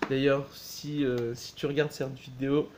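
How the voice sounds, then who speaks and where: A man's voice: mid-range voice, flat delivery, measured pace, darkish tone. A man chatting casually as he shows a DVD box set, talking in a loose, hesitant way and often correcting himself. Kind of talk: casual unboxing chat.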